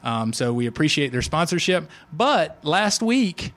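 With a fairly high, fairly bright voice that swings widely in pitch, a man in his forties chats on his sports podcast at a measured pace. He's playful and casual, often beginning sentences again.

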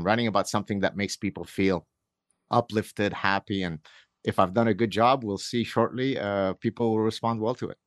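Low-voiced middle-aged man telling stories. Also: no room sound, studio quality. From Lebanon. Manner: earnest, wry storyteller with frequent restarts. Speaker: author and guest. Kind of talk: conversational storytelling.

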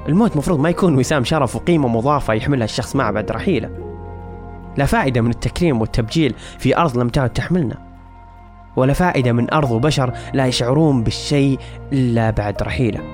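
A man's voice: medium pitch, faint music behind. A man hosting a podcast, delivering a reflective, wry, scripted monologue. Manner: earnest, wry, measured essay delivery. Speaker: podcast host.

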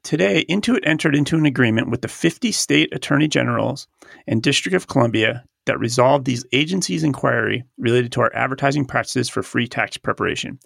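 Brisk and gravelly yet fairly bright in tone, a medium-pitched man co-hosts an accounting podcast from a recording studio, with clean, dry sound. He's a little stuffed up from allergies, chats casually, laughs often, and reads out ads and quotes.

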